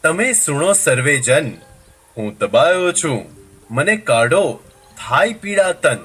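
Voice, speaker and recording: A man's voice: sing-song, slow, breathy edge, faint music behind, heavily acted. A man doing a crushed demon king crying out. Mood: pained pleading. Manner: loud pleading cries, high-pitched. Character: mighty demon king crushed under bow, crying out in pain.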